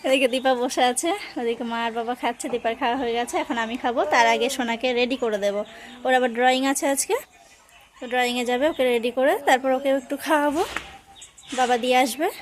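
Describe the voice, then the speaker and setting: A woman's voice: sits high, fairly even intonation, quick pace. A woman narrating a casual family vlog at home, cooing baby talk to her small children between plain commentary. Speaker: family vlogger and mother.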